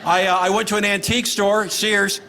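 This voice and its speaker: Working a live stage in front of a laughing crowd, this sarcastic stand-up comic from Los Angeles has a high-pitched, gravelly voice with a level tone and brisk pace. He lands his punchlines with a dry, lilting delivery, and crowd noise fills the noisy club recording.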